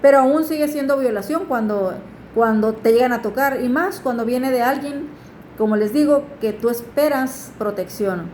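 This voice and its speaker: Woman, fairly high voice, earnest faith testimony recorded in an echoey room. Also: moderate pace, a little mellow, slight background noise. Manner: earnest, pleading with listeners to turn to God. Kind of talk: personal religious testimony.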